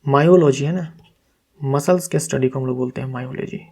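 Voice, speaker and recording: A man's voice: mid-range voice, brisk, vocal fry, a little mellow, slightly rough. A man teaching as an exam-prep tutor, walking step by step through quiz answers, asking questions and answering them himself. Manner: corrects himself aloud.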